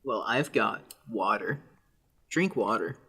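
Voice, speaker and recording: A man's voice: fairly low pitch, expressive, slow, creaky, pushed and bright, husky. A young man in college co-hosting a podcast, laid-back and wry in casual chat. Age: young adult. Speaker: podcast co-host.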